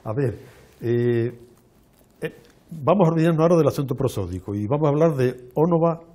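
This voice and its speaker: A man, a guest explaining in a measured, lecturing way with frequent restarts on a television show. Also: medium pitch, lively intonation, warm tone. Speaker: archaeologist guest. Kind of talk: explanatory interview talk. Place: television studio.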